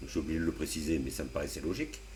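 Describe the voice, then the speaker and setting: A man hosting a casual amateur radio tutorial, explaining computer steps one by one with relaxed, joking asides. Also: extremely low pitch, very fast. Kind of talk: casual screen-recorded tutorial. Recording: roomy echo, faint hum.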